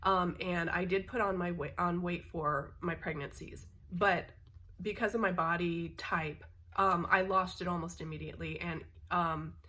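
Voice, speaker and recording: A woman's voice: fairly low pitch, fairly even intonation, normal speed, pushed and bright. A middle-aged woman chatting casually to her viewers in a rambling way, with many fillers and restarts. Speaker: vlogger. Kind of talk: casual chat to camera.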